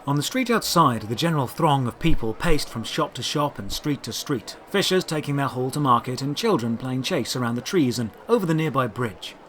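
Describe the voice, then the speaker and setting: A man who created an audio drama narrates its scripted first-person adventure story, with outdoor ambience behind him. His voice is on the high side with a fairly bright tone, and there's slight background noise.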